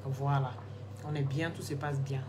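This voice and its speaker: A woman's voice: a bass voice, fairly even intonation, moderate pace. A woman chats on a phone live stream, answering viewers' comments one after another in a loose, teasing way. She laughs often as she talks. A faint hiss sits under her voice. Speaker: live-stream host selling skin products.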